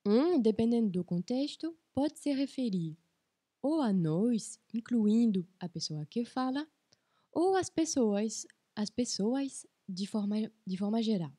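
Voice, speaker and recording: A woman giving a language lesson, saying each word twice, slowly and carefully. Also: a little high, animated, mellow, slightly rough, no room sound, studio quality. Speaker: French teacher. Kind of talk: slow scripted language lesson.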